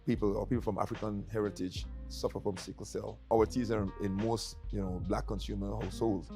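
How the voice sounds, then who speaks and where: A middle-aged Guyanese man who founded a tea company hosts a casual interview, with light music playing behind him. His lowish, mellow voice has vocal fry, a level tone, and a fairly quick pace, and he often repeats words between fillers.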